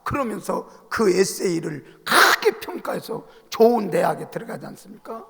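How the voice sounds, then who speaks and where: A male senior pastor delivering a Sunday sermon in a church sanctuary, preaching emphatically and swelling into loud calls to the congregation. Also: sits high, big pitch swings, normal speed, vocal fry, slightly rough. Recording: long reverb of a church hall.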